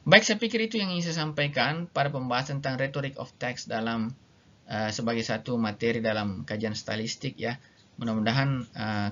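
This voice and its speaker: Man, lecturer, mid-pitched voice, slow explanations, lots of fillers, somewhat dull lo-fi audio. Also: fairly bright tone. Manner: explains slowly with many fillers and repetitions; reads English examples aloud then explains them. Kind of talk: recorded online lecture.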